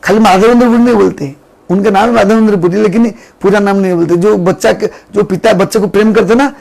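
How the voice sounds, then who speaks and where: A man is preaching a devotional sermon, acting out a story as he goes. His voice sits very high and carries a gravelly fry. He repeats his phrases and chants verses slowly. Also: fairly even intonation, darkish tone, low-quality recording.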